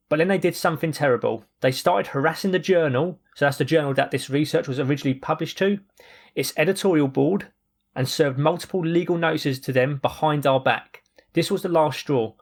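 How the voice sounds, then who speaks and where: Slightly high man reading with wry asides. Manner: reads out quotes with wry asides. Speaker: podcast host. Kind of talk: reading and paraphrasing a post aloud.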